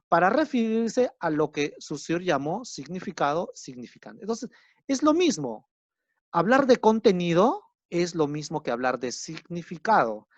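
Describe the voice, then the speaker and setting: A man's voice: high-pitched, dry recording. Guy teaching a lesson, voice jumps up and down a lot, keeps checking if u got it, dry dull lo-fi audio. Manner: checks understanding with frequent tag questions; explains patiently, repeating key terms. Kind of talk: recorded lecture. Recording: dull lo-fi recording.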